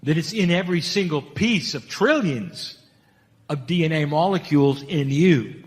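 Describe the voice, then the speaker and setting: Emphatic man channeling in a reverberant hall. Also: fairly high pitch. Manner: emphatic, rhetorical questions, repeats key phrases. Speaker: spiritual channeler. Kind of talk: channeled spiritual talk to an audience.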